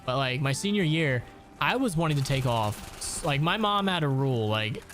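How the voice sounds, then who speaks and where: A man's voice: a little high, expressive, normal speed, a bit bright, faint music behind. A man in his late twenties from Ohio, chatting casually and profanely while gaming on a stream. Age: late 20s. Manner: rambling, profane storytelling.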